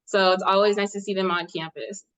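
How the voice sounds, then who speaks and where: A woman's voice: mid-range voice, steady tone, fairly quick, fairly bright tone, lo-fi sound. Woman hosting a campus podcast. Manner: friendly, reads from a script. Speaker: podcast host. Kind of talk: scripted intro and interview questions.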